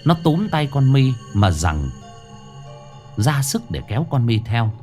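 Lively storyteller. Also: male voice, mid-range voice, a little slow, soft background music. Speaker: narrator. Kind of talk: ghost story narration.

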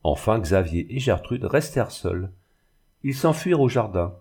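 Man, audiobook narrator, low voice, dark and mellow, measured literary reading. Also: expressive, slightly rough. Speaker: audiobook reader.

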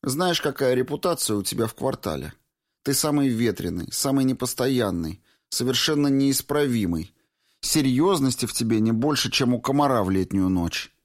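Audiobook: male reader voicing an earnest young woman, raised and pleading, lively intonation. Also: moderate pace, natural voice. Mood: scolding. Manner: raised pitch, emphatic and pleading. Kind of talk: audiobook reading.

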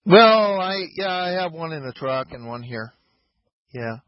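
A man calling in to a talk show over voice chat, hesitant and halting. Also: fairly high pitch, animated, no echo. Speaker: caller. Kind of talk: casual chat on voice chat. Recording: dull lo-fi online voice chat.

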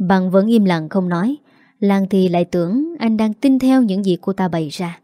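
A woman reads a romance audiobook in a steady and dramatic way. Her voice is mellow and soft-edged. The recording is dry and close, with no room sound. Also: mid-range voice, normal speed, no echo. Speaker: audiobook narrator. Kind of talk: scripted story narration.

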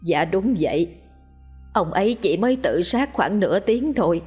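A woman's voice: mid-range voice, lively intonation, normal speed, a little mellow, breathy edge, faint music behind. A woman voicing a grieving village wife who pleads with the elders humbly and tearfully. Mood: recounting.

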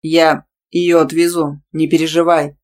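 A woman's voice: low voice, level tone, a little slow. A woman voicing a brash, muscular young dragon-shifter man who talks bluntly and teases. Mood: calm. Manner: blunt, teasing.

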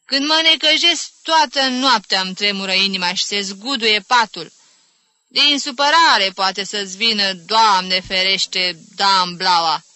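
A woman's voice: mid-range voice, pushed and bright, smooth, no echo, close to an everyday voice. A woman voicing an elderly complaining aunt who exaggerates her aches with theatrical groans. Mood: plaintive. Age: older. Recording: dry close studio reading.

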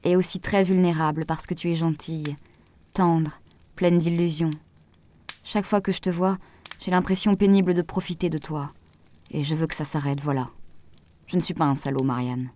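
Woman doing a gentle firm man, lowered voice, mellow tone, dry close sound, audiobook. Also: fairly even intonation, normal speed, long pauses, dry recording, close to an everyday voice. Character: man, soft-spoken, calm and firm. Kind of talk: audiobook dialogue reading.

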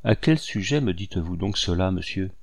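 A man voicing a wry, modest old hunter in a storybook reading, with a low voice. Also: lively intonation, moderate pace, vocal fry, exaggerated voice. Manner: amused, modest.

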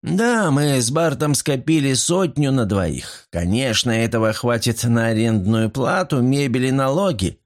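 A man voicing a fussing, warm-hearted servant woman who dotes on her young mistress. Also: mid-range voice, lively intonation, measured pace, few pauses, pitched above the performer's own voice, natural voice. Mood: determined. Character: warm-hearted middle-aged female servant.

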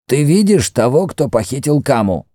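A man voicing a stern, scheming old male high priest who speaks in a commanding, indignant way. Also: very animated, moderate pace, dark tone, no room sound, clean studio sound.

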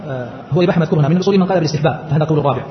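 A man's voice: on the high side, very fast, a little hiss or hum. A man teaching and explaining a scholarly text, posing rhetorical questions as he goes. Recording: muffled lo-fi lecture recording.

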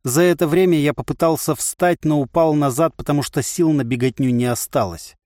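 A man reads a first-person audiobook with a dry, sardonic wit. His voice sits a little high for a man. The recording is close and dry, with no room sound. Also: fairly quick, darkish tone, no room sound. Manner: wry, sardonic storytelling. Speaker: audiobook narrator.

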